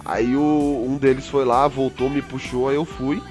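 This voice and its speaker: A man's voice: mid-range voice, little pitch movement, unhurried, music in the background. A young man casually telling a story to friends over voice chat, acting out his own panic. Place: home, online voice chat.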